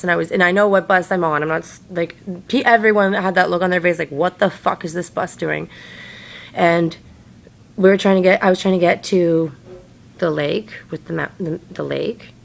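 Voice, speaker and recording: Woman with a creaky, fry-heavy voice for informal to-camera rambling; hazy, drifting recounting, loose slang and swearing. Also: lowish voice. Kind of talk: casual rambling personal talk to camera.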